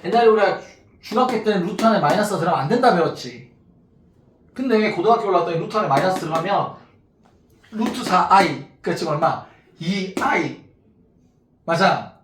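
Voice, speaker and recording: A man's voice: high-pitched, expressive, fairly quick, long pauses. A man teaching a math class to students, talking casually and constantly checking that they follow. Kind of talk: classroom lecture. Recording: echoey room, mic far off, faint noise.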